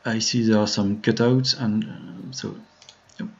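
Greeting chat viewers as he goes, a French-accented 3D modeling streamer works through a live CAD tutorial step by step, full of fillers and restarts. He speaks at a measured pace in a lowish voice with fairly even intonation, over dull, lo-fi home stream audio.

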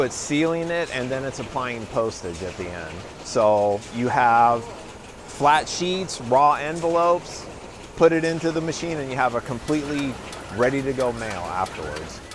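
A man's voice: mid-range voice, background noise. A middle-aged man on a tour of a print facility, eagerly explaining each step of the machines and the operation. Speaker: print and mail manager. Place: large warehouse and print floor indoors.

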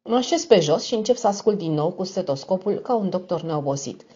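A woman narrating a crime novel audiobook in a measured, expressive reading. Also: on the low side, husky. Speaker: audiobook reader. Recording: dull lo-fi recording.

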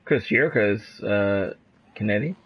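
A man's voice: fairly low pitch, breathy edge. Chatty New Zealand man, dull mic. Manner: chatty, quick to laugh. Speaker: gaming co-host. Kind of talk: casual gameplay chat.

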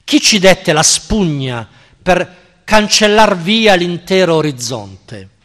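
A male lecturer reading aloud the lines of a frantic man who cries out that God is dead, declaiming them in loud, impassioned questions. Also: high-pitched, big pitch swings, slow pace, exaggerated voice. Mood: anguished. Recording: reverberant lecture hall.

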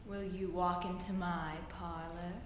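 Young woman doing a sly spider, low and slow, sweet-talking, echoey hall far from the mic. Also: flat delivery, a little hiss or hum, lightly acted. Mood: coaxing. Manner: low, soft, coaxing and drawn-out. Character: sly flattering male spider, smooth and scheming. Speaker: student reciting a poem.

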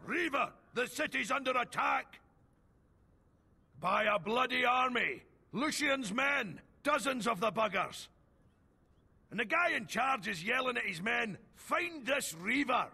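Frantic game messenger, really high and gravelly, sharp edge, reverby. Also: male voice, expressive, a little slow, full character voice. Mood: alarmed. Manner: urgent, alarmed. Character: panicked male messenger, rough and urgent. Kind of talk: video game dialogue.

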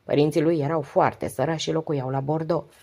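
A woman's voice: low-pitched, fairly even intonation, darkish tone, breathy edge. Woman reading as a talkative, devoted middle-aged wife. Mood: confiding. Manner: long, flowing confiding speech. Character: 48-year-old wife, talkative, devoted, weary.

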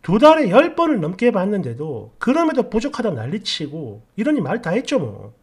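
A woman's voice: mid-range voice, huge pitch swings, normal speed, a little mellow, husky. A woman narrating reader-submitted family stories in a chatty, indignant storytelling manner.

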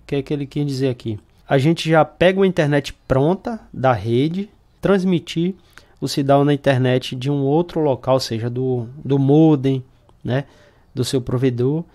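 A man's voice: medium pitch, a little mellow. A man with a Brazilian accent, a computer shop owner, casually walking viewers through setting up a router step by step. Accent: Brazilian Portuguese. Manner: casual, explanatory, talks through screen steps. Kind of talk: hands-on tech tutorial.

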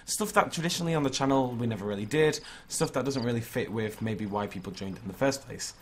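A young man, hungover with a slightly hoarse voice, chatting in an informal, rambling, self-critical way as he vlogs over a video game. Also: mid-range voice, fast talker. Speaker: gaming video creator. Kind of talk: casual vlog chat over gameplay. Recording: clearly noisy background ambience.

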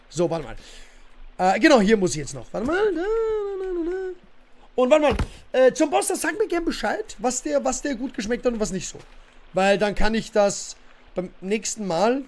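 A streamer chatting casually during a livestream, rambling with many fillers and grumbling in exasperation at the game. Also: mid-range voice. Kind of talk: casual livestream chat while playing.

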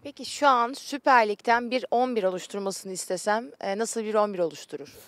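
A woman's voice: medium pitch, fairly quick. A woman asking questions as a sports interviewer, speaking outdoors into a handheld microphone. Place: outdoors on a training pitch.

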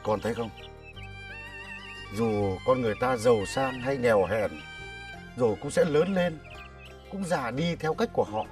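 Một nam diễn viên giọng miền Bắc đóng vai người cha lớn tuổi, điềm tĩnh, từ tốn khuyên bảo con. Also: male voice, medium pitch, measured pace, long pauses, close to an everyday voice. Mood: reflective. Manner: calm, reflective, gently lecturing. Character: wise older father, calm and forgiving. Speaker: actor in a TV comedy series. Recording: distant mic, music behind.

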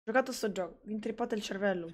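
A young woman, commenting excitedly on a game she plays live, swearing and talking to her chat. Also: medium pitch, fast talker. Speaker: streamer.

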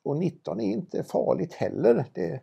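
A man's voice: a little high, big pitch swings, gravelly, mellow, slightly rough, muffled recording. A man presenting a car for auction in a casual, knowledgeable chat, with frequent restarts. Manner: knowledgeable, chatty, many restarts.

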